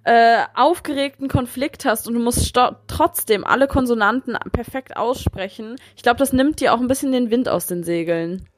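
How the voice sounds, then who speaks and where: A woman's voice: a little high, moderate pace, hardly any pauses. A young adult woman chatting casually and humorously as a podcast host, telling stories in German peppered with English words. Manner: animated storytelling, mixes in English words.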